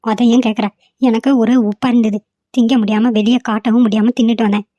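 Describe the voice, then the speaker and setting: A woman's voice: fairly high pitch, flat delivery, fast talker, warm tone, dry recording, studio quality, close to an everyday voice. A woman doing a grumbling, catty gossip. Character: gossiping woman griping about salty food.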